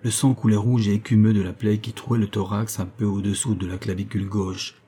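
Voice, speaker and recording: Low, husky male narrator. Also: flat delivery, mellow. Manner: measured literary reading. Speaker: audiobook narrator. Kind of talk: scripted narration.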